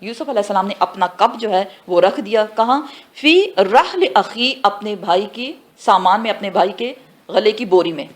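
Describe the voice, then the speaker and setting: A woman giving a tafsir lesson who asks her students questions and answers them herself, mixing in English phrases and slowing down for the Arabic words. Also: medium pitch. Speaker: Quran teacher. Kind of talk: tafsir class lecture.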